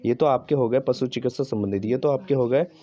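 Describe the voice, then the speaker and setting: A man's voice: mid-range voice, fairly quick, mellow. A man teaching a vocabulary lesson, often repeating words and spelling them out letter by letter. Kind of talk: vocabulary lesson with memory tricks. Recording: dry, dull lo-fi sound.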